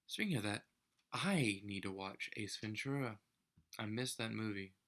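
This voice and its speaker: A man's voice: on the low side, expressive, moderate pace, a bit bright. A young man talking casually to camera as a vlogger, rambling with some mock-grand theatrical turns.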